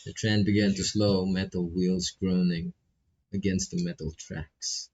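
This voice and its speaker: This male streamer, a non-native English speaker, works through a visual novel by reading its text aloud, adding offhand remarks while stumbling on and repeating phrases. He sounds low and unhurried, with little pitch movement and a slightly rough, a little mellow quality. The mic is dull and lo-fi.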